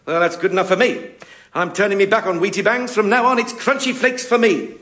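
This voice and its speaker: A blustering, self-important Englishman grumbles sarcastically and gets carried away. His voice sits fairly high. It comes through as an echoey old radio broadcast with music behind. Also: steady tone, brisk, fairly bright tone. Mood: grumbling. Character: blustering, pompous, know-all Englishman. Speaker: lead comedian. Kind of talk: 1950s radio comedy acting.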